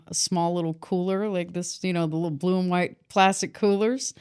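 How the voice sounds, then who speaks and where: A middle-aged woman, a podcast guest and author, telling a painful personal story in a halting way, often restarting and getting emotional. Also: lowish voice, a little mellow, clear, resonant tone.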